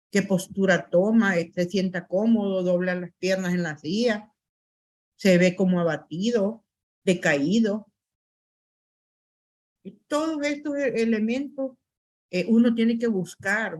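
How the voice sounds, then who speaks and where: Low-ish and a little mellow, a woman's voice carries an online university lecture over a video call, picked up by a computer mic. She goes through the points one by one, methodically, and hesitates often with fillers.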